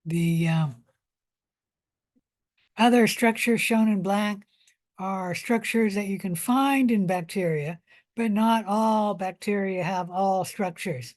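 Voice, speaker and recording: A woman gives a recorded biology lecture at a slow, deliberate pace. She explains carefully, pausing often and restarting sentences with fillers. Her pitch sits in the middle range. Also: darkish tone.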